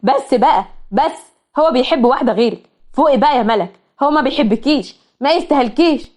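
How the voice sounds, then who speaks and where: A protective young brother, voiced by a woman storyteller speaks bluntly and indignantly in an Egyptian accent. The voice stays high and fast, in a storybook drama. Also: animated, a little mellow. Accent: Egyptian Arabic. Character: protective older brother, angry young man.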